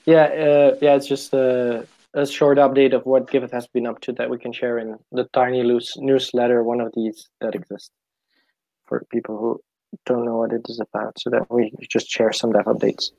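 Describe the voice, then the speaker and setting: A man's voice: medium pitch, little pitch movement, moderate pace, creaky, warm tone, no echo. A man leading an online team meeting, working through agenda items with short checks. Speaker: meeting facilitator. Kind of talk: casual meeting talk. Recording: dry, dull lo-fi call audio.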